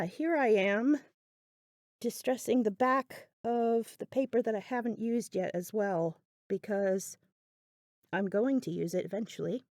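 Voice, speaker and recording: Musing aloud in a self-deprecating, casual way, a woman voices over her craft video, recorded indoors apart from the visuals. Her medium-pitched voice has a darkish tone, and the studio sound is clean with no echo.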